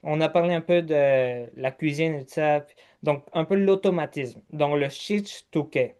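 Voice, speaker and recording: A podcast host from Quebec speaks with a Québécois French accent in a fairly high, warm, clear and resonant voice at normal speed. In casual chat he addresses the listener directly, laying out his points step by step.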